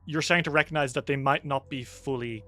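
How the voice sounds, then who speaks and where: A man working as game master, narrating a tabletop game with vivid, animated description. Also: mid-range voice, fast talker, soft background music.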